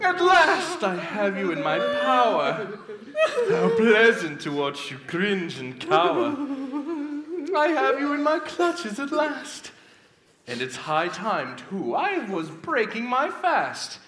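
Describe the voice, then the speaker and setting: A woman's voice: fairly high pitch, wildly swooping pitch, takes it slowly, noisy background, heavily acted. A woman voicing a sly, scheming male wolf villain in a sing-song, theatrical storybook musical. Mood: gloating. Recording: roomy studio with faint music.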